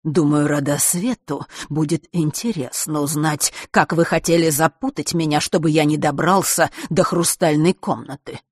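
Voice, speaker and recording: A woman voicing a stern, sly old male keymaster who speaks slowly and grumbles. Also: deep voice, steady tone, slightly rough, no echo, studio quality.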